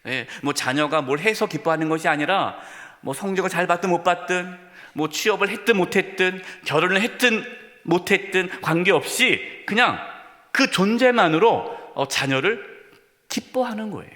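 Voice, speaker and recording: A man's voice: high-pitched, animated, normal speed, sharp tone. A man preaching a sermon as pastor to his congregation, speaking to them directly and with emphasis, in a church sanctuary. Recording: long reverb of a church hall.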